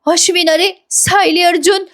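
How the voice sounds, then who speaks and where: A woman's voice: extremely high pitch, steady tone, fairly quick, voice pushed up. Woman putting on a wailing scheming young woman. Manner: wailing, sobbing.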